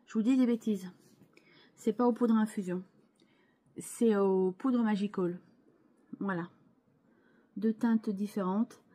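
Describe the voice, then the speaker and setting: A woman talks through her handmade craft pages in a slow, unhurried way. Her voice is mellow and soft-edged. She hesitates often and restarts her sentences, turning to viewers with chatty asides. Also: medium pitch, steady tone. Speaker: scrapbooking channel host. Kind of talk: casual show-and-tell of craft pages.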